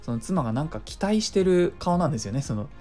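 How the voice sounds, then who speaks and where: A man's voice: on the high side, very animated, fast, mellow, soft background music. A middle-aged man hosting a casual solo talk show, chatty and self-explaining, giving speaking tips and dropping in little sound imitations. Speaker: podcast host.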